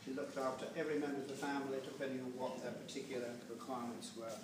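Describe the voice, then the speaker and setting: An older man giving an informal, unscripted eulogy to a gathering, halting and digressive as he goes. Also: mid-range voice, level tone. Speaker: family member giving a speech at a memorial gathering. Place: large echoey room with a gathering. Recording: roomy, distant recording with background noise.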